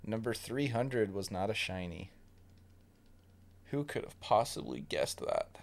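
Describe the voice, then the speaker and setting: A man's voice: fairly low pitch, expressive, a little slow, gravelly. A man hosting a game livestream, chatting casually and joking with viewers and friends. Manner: laid-back, joking, chatty. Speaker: streamer.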